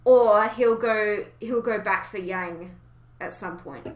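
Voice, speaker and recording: A woman podcast co-host with a medium-pitched voice speaks slowly while chatting casually about fan theories. She's opinionated and emphatic, and the recording sounds roomy and echoey.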